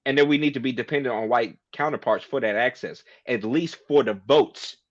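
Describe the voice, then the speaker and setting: A man's voice: medium pitch, fairly quick, muffled recording. A man co-hosting a podcast, arguing his point at length in a casual debate. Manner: argumentative, emphatic, makes a point at length. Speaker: podcast co-host.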